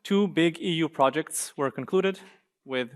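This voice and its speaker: A young man from Israel giving a conference talk on slides in a university seminar room, lively and joking with the audience now and then. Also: on the high side, a little slow. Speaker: guest speaker.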